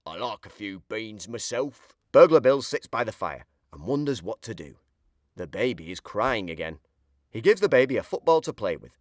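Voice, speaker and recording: A man reading a children's picture book aloud in an expressive storytelling voice. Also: mid-range voice, dry recording, clean studio sound. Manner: expressive, sing-song storytelling.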